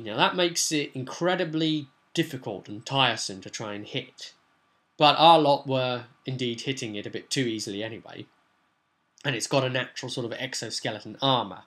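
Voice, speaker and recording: In a casual explanatory vlog, a game master rambles informally through a lengthy account of a tabletop session. His voice is medium in pitch with a fairly bright tone.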